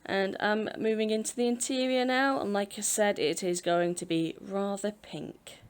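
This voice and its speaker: A woman's voice: mid-range voice, fairly even intonation, moderate pace, clean tone. A woman in her twenties with a British accent, chatting casually and rambling over a video game build, laughing now and then. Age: 20s. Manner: rambling, chatty, self-deprecating, laughs often. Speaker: Sims speed-build YouTuber. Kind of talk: casual chat over gameplay.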